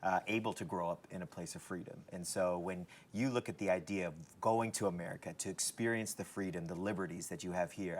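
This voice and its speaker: A man with a New Zealand accent, a pastor speaking in an earnest, measured way on a panel. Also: low-pitched, slight background noise. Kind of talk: panel discussion.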